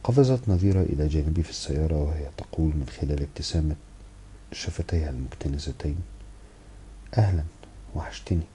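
A man with an Egyptian accent narrates a first-person novel in a measured, storytelling way. His voice sits low and sounds very dark and mellow. A faint background hiss runs under the reading. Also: low-quality recording. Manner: measured storytelling, wry asides. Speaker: audiobook reader.

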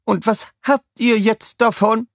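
Old queen in a kids' audiobook, high and sour, mocking, a guy doing the voice. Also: steady tone, unhurried, vocal fry, no room sound, studio quality. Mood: scornful. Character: old queen, sardonic and grumpy.

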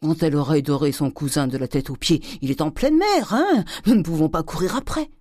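A woman reading aloud voicing a tyrannical, miserly old father who scolds and blusters in a raised, loud voice. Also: deep voice, lively intonation, brisk, no echo, studio quality. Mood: blustering.

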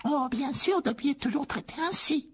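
A woman voicing a high, fretful male house-elf. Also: moderate pace, lightly acted. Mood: anxious. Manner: pleading, fretful and self-punishing. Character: timid pleading male house-elf servant. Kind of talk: dramatized audiobook reading.

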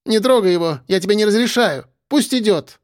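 A man reading an audiobook, voicing a drunk, capricious young woman with a haughty, shrill manner. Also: expressive, brisk, no room sound, studio quality.

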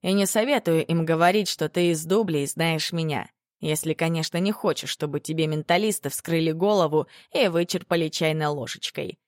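A woman voicing a cold, commanding, bodiless male dark lord in an audiobook, speaking in a clipped, imperious way. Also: low voice, moderate pace, hardly any pauses, no echo, clean studio sound, lightly acted. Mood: menacing. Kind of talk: audiobook character reading.

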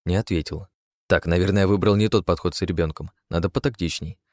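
A man reads a first-person fantasy audiobook in a low voice with a dry, wry delivery. The sound is close and dead, with no room echo. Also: fast, darkish tone. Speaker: audiobook narrator.

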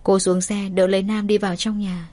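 A woman reading a romance novel aloud as an audiobook narrator, in a steady, even storytelling manner. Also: medium pitch, a little fast.

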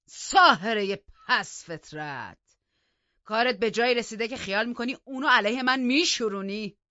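A woman shouting as a furious brutal master. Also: on the high side, dry recording, dull audio, voice pushed up. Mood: threatening. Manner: shouting, threatening. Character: furious brutal middle-aged master of the house.

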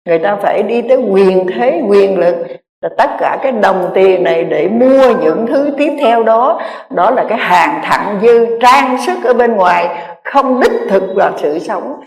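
A woman's voice: medium pitch, lively intonation, unhurried, creaky, a little mellow. A Buddhist nun giving an earnest dharma talk, repeating key phrases and addressing her listeners directly. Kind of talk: sermon. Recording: echoey reverberant hall.

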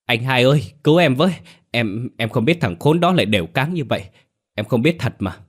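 A man's voice: lowish voice, very animated, a little fast, husky. A man voicing a frightened pregnant young village girl who pleads and stammers through tears. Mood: pleading.

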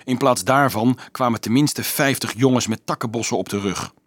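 A man reading an audiobook voices a gruff, suspicious medieval gatekeeper who grumbles warily. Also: medium pitch, normal speed, no echo, studio quality, close to an everyday voice. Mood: wary. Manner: grumbling, wary.

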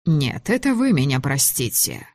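Female narrator doing a sinister officer, smooth, ironic, commanding, low dry voice. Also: big pitch swings, a little slow, darkish tone, dry recording, exaggerated voice. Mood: cold mocking. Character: cold, mocking German officer, man, middle-aged.

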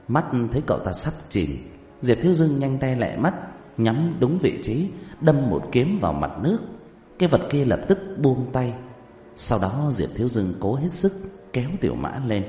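A man narrating an audiobook story with lively, expressive delivery. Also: mid-range voice. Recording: roomy reverberant recording.

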